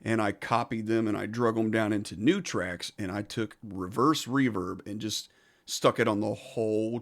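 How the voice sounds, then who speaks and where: A man casually walking through how he recorded his own song, talking in a relaxed, conversational way. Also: lowish voice, vocal fry. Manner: laid-back and conversational, says "man" and "so". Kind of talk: casual studio walkthrough.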